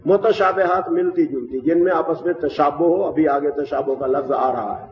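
Distant man lecturing in an echoing hall. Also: fairly high pitch. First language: Urdu. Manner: explanatory, methodical, pauses often. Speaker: teacher of Quranic Arabic grammar. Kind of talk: classroom lecture. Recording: distant, dull, roomy hall with faint hiss.

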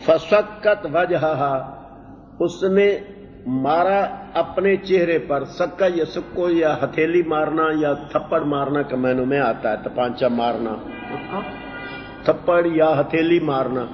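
A man giving a Quran translation lesson. He explains word meanings slowly and repeats phrases. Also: on the high side, slight background noise. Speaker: teacher. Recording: dull echoey hall recording.

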